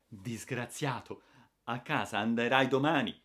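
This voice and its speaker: A man's voice: medium pitch, measured pace, a bit bright, close to an everyday voice. A man reading aloud and voicing the boy's grown older sister, scolding and exasperated. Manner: scolding, then tender.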